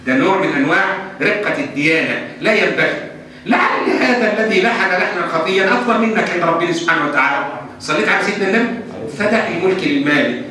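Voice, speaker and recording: This Egyptian Islamic scholar talks fast in a high-pitched, pushed, bright voice while answering religious questions in a lesson. His delivery is emphatic, blending formal and colloquial Arabic. He is captured at a distance in a reverberant hall, with a faint hum underneath.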